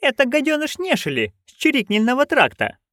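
A man voicing a chatty, gossiping old witch woman who talks in a high, fussy voice. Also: huge pitch swings, brisk, bright, forceful tone, no room sound, studio quality, heavily acted. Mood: gossipy.

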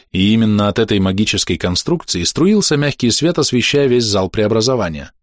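A man narrating a fantasy audiobook in a measured, steady storytelling manner. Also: lowish voice, no echo, studio quality.

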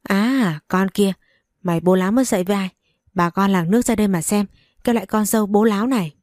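A woman voicing a spiteful, scornful old grandmother who yells insults at her daughter-in-law. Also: mid-range voice, fast, no room sound, clean studio sound, natural voice. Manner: scornful, yelling.

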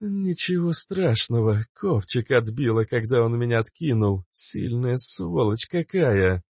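A tough woman fighter, acted by a male reader, slow and groaning as she curses. Her voice sits above his usual low register. The sound is dry and close. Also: animated, darkish tone, slightly rough, no echo. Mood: pained. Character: tough young woman fighter, hurt and cursing.

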